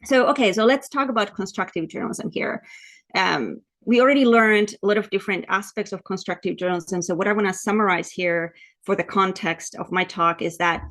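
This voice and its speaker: Brisk and a bit bright in a mid-range voice, this Finnish-accented woman from Lapland presents at a webinar as an academic researcher. Lecturing over a video call, she explains things and frequently repeats words.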